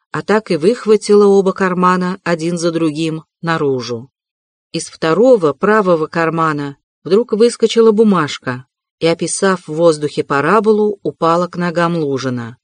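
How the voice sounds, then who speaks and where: A woman narrating a classic novel as an audiobook, in steady, even storytelling. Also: fairly low pitch, normal speed, dry recording.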